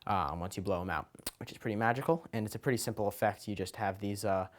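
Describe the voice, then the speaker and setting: A man's voice: on the low side, fast. A man talking casually as a children's magician, explaining his kit item by item in an informal, loosely improvised, hesitant way. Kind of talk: casual show-and-tell explanation.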